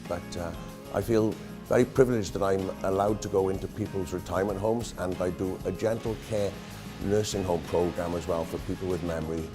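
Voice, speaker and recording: A Welsh man in his fifties with a fairly low voice, telling stories in a relaxed, jokey way and poking fun at himself. Music plays clearly behind him. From Wales. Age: 50s. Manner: jokey, self-deprecating storyteller. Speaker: entertainer. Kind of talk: casual interview answers.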